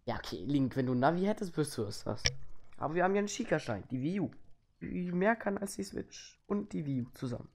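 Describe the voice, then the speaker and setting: A man's voice: fairly high pitch, expressive, fast, gravelly, noisy background. A young man giving casual let's play commentary in an informal, slangy way. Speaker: let's player.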